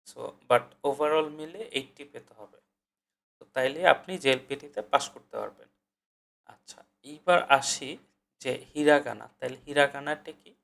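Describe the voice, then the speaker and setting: Gravelly Bangladeshi man teaching step by step. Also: a little high, a bit bright. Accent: Bangladeshi Bengali. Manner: explains step by step, repeating syllables aloud. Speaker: language tutor. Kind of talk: screen-share tutorial.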